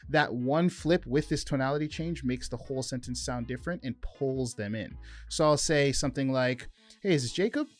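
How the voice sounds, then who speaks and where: Guy explaining how to call leads, chatty, plays out the calls himself, mid pitched voice. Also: moderate pace, faint music behind. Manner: demonstrates call scripts by acting out both sides; conversational, explains step by step with examples. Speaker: sales coach. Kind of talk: sales training talk to camera.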